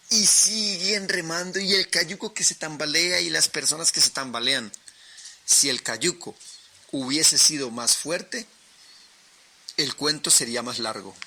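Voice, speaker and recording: A man from Colombia telling short tales on the radio with expressive, dramatic pauses. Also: fairly high pitch. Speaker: storyteller. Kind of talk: oral storytelling on radio.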